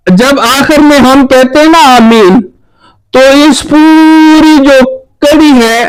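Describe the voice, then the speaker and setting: A man acting as spiritual teacher, giving a religious talk and earnestly urging his listeners in slow, emphatic phrases. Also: very high-pitched, rough recording.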